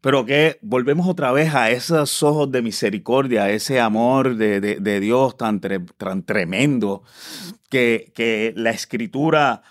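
A man speaking slowly and haltingly in a devotional podcast talk, pausing and restarting as he reads from the Bible. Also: mid-range voice. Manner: slow and halting, with many pauses and restarts.

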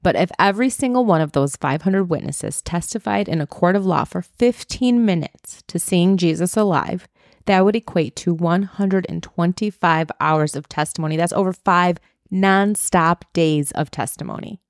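A woman co-hosting a casual faith podcast, retelling a parable with lively, playful character voices. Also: on the low side, normal speed, no room sound, studio quality. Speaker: podcast co-host.

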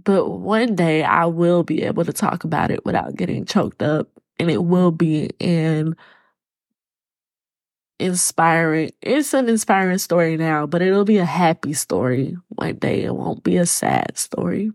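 A woman hosting her own podcast, talking to her listeners in a halting, choked-up way and close to tears. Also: lowish voice, expressive, darkish tone, dry recording. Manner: speaks to listeners as y'all. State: tearful. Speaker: podcast host. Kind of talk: personal solo podcast talk.

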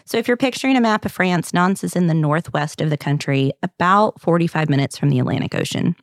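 A woman's voice: lowish voice, fast talker, no room sound, studio quality. A woman with a Southern Kentucky accent, hosting a podcast and narrating in a chatty, upbeat way with jokes. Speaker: podcast host. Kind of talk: casual scripted narration.

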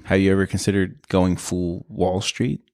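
A man co-hosting a casual podcast, his voice sitting low and sounding dry and close with no room around it. He jokes and teases, dropping in quick short reactions. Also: flat delivery, darkish tone, no room sound. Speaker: podcast co-host. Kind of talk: casual chat.

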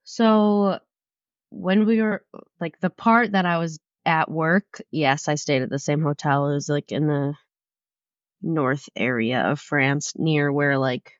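A woman in her twenties co-hosts a casual chat podcast, sounding a bit nasal from a cold as she giggles and rambles with plenty of "like"s. Her deep voice stays steady and unhurried, with no echo, though the lo-fi audio is slightly muffled.

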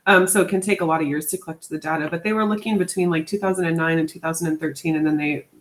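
A woman's voice: low-pitched, steady tone, racing. A woman co-hosting a podcast, explaining a research study in a casual chat with many fillers and restarts. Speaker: podcast co-host.

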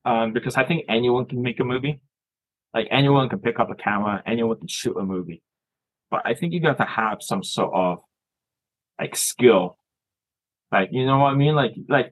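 A Canadian filmmaker, appearing as an interview guest, chats casually in a lowish male voice, rambling and frequently restarting his words. The recording quality is poor.

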